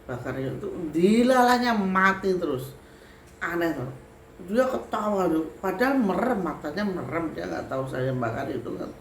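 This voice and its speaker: A woman's voice: lowish voice, big pitch swings, normal speed. A middle-aged woman tells a spooky true story in a chatty way, often turning to her listeners. Her voice carries around a roomy space, with a faint hiss underneath. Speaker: spiritual healer telling her experiences. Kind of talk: casual spoken horror storytelling. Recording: roomy room with faint noise.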